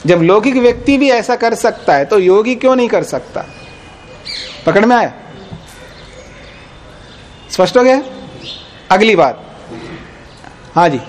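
Male teacher, classroom lecture, slow unhurried delivery, recites sutras then explains, checks the class understands. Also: sits high, animated, a little hiss or hum. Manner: recites Sanskrit slowly, then explains in Hindi. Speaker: teacher of Nyaya philosophy. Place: teaching hall of an ashram.

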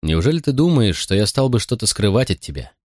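An audiobook reader voicing a gentle, bewildered grown man who earnestly insists he doesn't know the answers. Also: on the low side, very animated, brisk, no echo, clean studio sound. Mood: puzzled.

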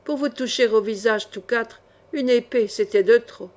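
A calm young swordsman who mocks his foes with a soft, ironic politeness, as a woman narrator reads him. The voice stays fairly high and unhurried in this storybook adventure. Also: lightly acted. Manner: gently mocking, calm.

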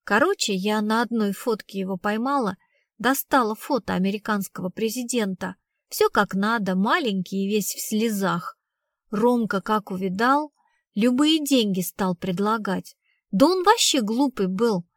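A woman's voice: mid-range voice, expressive, a little slow, no echo, studio quality. A woman reading the part of a blunt, streetwise young woman who tells her story in slangy, casual speech. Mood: flat. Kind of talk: audiobook reading.

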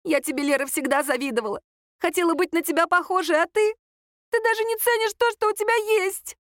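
A woman reading a story voices Nadya, a tearful, envious young woman with a squeaky, shrieking voice. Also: a little fast, fairly bright tone, no echo, studio quality.

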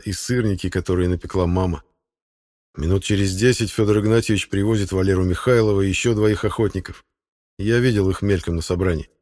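Low-voiced man narrating an audiobook. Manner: steady, matter-of-fact storytelling. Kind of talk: first-person audiobook narration.

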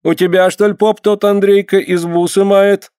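A man voicing a gruff, commanding male government clerk who scorns the peasants. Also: high voice, little pitch movement, moderate pace, a little mellow, dry recording, studio quality, voice pushed up, natural voice. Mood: scornful, commanding.

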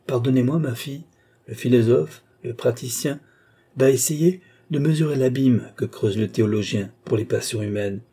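A man voicing a grave older doctor in an audiobook, explaining in a measured, lecturing way. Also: medium pitch, warm tone, husky. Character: grave older male doctor, a reasoning philosopher.

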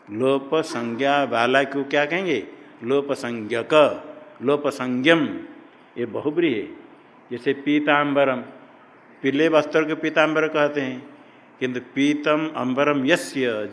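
A man lectures on grammar at a middling pitch, posing questions to his class and answering them himself while repeating each term. His voice carries a long reverb, as if recorded in a large hall. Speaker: Sanskrit grammar teacher.

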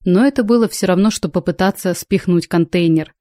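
A woman narrating a first-person novel in an audiobook with expressive storytelling. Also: fairly low pitch, brisk, no echo, studio quality. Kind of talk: first-person fiction reading.

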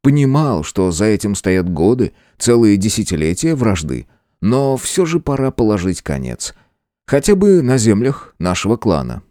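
A man narrating a fantasy novel in the first person, with a lively, expressive reading. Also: fairly low pitch, moderate pace, dry recording, clean studio sound. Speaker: audiobook narrator.

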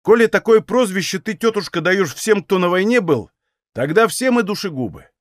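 A stubborn young Cossack, as a male reader puts him on, blunt and coolly defiant, talking in plain rural speech. His tone moves up and down with lively turns. The sound is close and dry. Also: high-pitched, normal speed, dry recording.

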